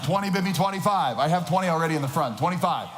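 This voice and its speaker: A man's voice: fairly high pitch, expressive, very fast, fairly bright tone. A man working as an auctioneer, calling bids in an insistent, rhythmic chant of repeated numbers and filler phrases. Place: large auction hall. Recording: echoing hall PA with noisy ambience.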